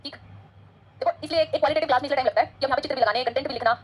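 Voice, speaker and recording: Teacher, female, rapid-fire exam-prep lecturing, a little husky, pitched slightly high. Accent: Hindi-English code-switching. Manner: fast, chatty, switches between Hindi and English.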